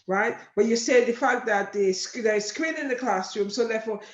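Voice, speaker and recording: A woman's voice: on the high side, fairly quick. A woman hosting a conversational interview, asking inquisitive questions and repeating acknowledgements as she listens. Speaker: host interviewer. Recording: roomy, dull lo-fi call audio.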